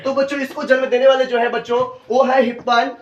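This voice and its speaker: A man's voice: very high voice, little pitch movement, fast, distant mic. A male coaching class teacher with a Uttar Pradesh Hindi accent, leading a classroom lesson and drilling terms with his students in call-and-response. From India. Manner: repeats questions to students, drills terms aloud. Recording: roomy lo-fi classroom sound from afar. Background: students in the room.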